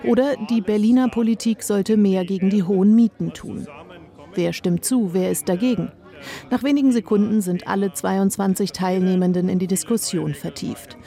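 A woman's voice: mid-range voice, normal speed, warm tone. A woman reporter reading a scripted radio feature narration.

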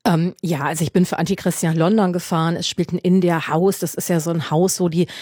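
A woman novelist from Germany in a casual radio interview, telling lively stories, laughing often and acting out quoted dialogue. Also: on the low side, fast, breathy edge, no room sound, studio quality. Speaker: novelist guest.

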